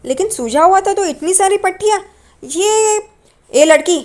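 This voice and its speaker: A bossy, sharp-tongued middle-aged aunt snaps at the family in a high, scolding voice, as a woman reading out a serial recap puts her on. The voice sits high and stays pointed. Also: animated, unhurried.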